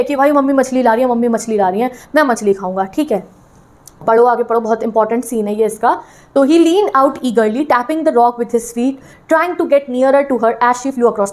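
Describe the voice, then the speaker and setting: High-voiced woman explaining a lesson. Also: darkish tone. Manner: reads English text slowly, then explains playfully in Hindi. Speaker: teacher.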